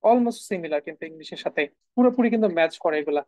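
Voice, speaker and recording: Mellow, low-voiced woman teaching online. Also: lively intonation, rapid-fire, no echo, poor audio. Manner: drills sounds by repeating them, asks and answers her own questions. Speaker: German language teacher. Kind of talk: live online class lesson. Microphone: video call.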